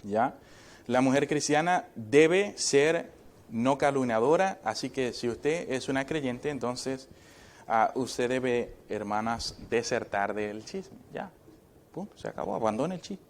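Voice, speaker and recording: A male pastor delivers a sermon in a chatty, back-and-forth way, constantly tossing short questions to his listeners. His voice sits at an ordinary middle pitch. Joking asides come through now and then. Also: lively intonation, slow pace, a little hiss or hum. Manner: conversational preaching, constant checking questions to the congregation. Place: church.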